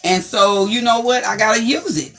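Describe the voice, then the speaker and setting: A woman co-hosting a talk show, speaking in an animated, emphatic, preacherly way about faith and perseverance. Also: fairly high pitch, normal speed, faint music behind. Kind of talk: inspirational faith-based chat.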